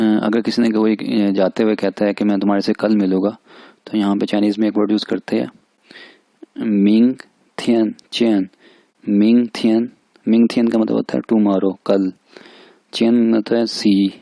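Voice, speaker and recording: Guy teaching a lecture, says each word over and over, flat low voice, dry sound. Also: gravelly, dry recording. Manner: slow drilled repetition of words. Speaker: language teacher. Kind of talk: recorded lecture over slides.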